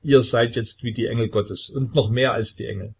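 A man's voice: medium pitch, steady tone, moderate pace, a little mellow, husky. A man voicing an old male sect leader who preaches with coaxing, jovial authority in a storybook reading. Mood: preaching. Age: older.

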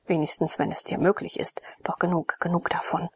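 A woman's voice: lowish voice, little pitch movement, brisk, fairly bright tone, slightly rough, no room sound. A woman voicing an eager, devout young sister, half-whispered in a raised voice as part of an audiobook reading. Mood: pleading.

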